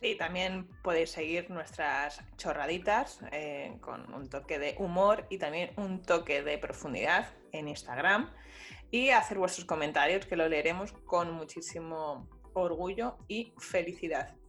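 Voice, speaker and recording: Emphatic low-voiced woman. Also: unhurried, soft background music. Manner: animated, emphatic. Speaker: podcast co-host. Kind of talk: casual podcast chat.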